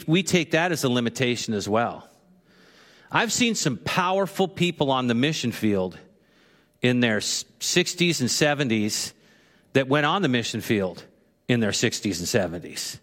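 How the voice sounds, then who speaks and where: A pastor addresses his congregation in a conversational sermon, occasionally slipping into the voices of those he quotes. The church sanctuary lends a long hall reverb to his medium-pitched, fairly bright voice.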